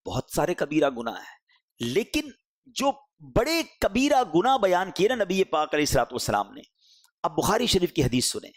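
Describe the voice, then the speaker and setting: Impassioned man preaching with lively pitch. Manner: impassioned, rising and falling emphatically. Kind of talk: sermon.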